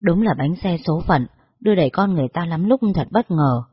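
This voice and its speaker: A narrator reading a story in a steady, measured way. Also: medium pitch, slightly rough. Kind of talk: scripted storytelling. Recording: dull lo-fi recording.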